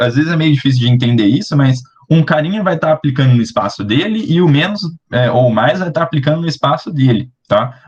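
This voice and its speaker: A young Brazilian man working through an exercise for students, slowly and step by step, checking in with the class often. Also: mid-range voice, highs cut off. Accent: Brazilian Portuguese. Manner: slow, step-by-step, with many fillers and check-ins. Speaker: teaching assistant. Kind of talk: explaining exercises at a board.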